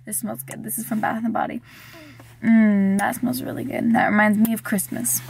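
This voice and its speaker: A young woman chats and giggles through a casual vlog from a parked car, saying "like" a lot, recorded on a camera sitting on the dashboard. Her voice is fairly high and level, with vocal fry and a slightly mellow quality, at a moderate pace. There's a bit of background noise.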